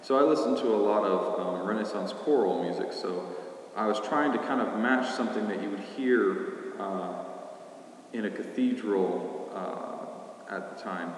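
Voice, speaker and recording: A man casually teaching flute, his voice ringing with a cave-like echo in an indoor racquetball court, picked up by a computer mic from a distance. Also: a little slow. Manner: easygoing, explanatory. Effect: booming cave-like echo. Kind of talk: casual instrument tutorial. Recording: echoey court reverb from far off.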